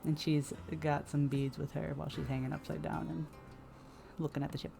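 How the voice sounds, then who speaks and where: Gravelly, low-voiced woman player. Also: little pitch movement, brisk, over music. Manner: chatty, thinking aloud. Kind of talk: casual tabletop game talk.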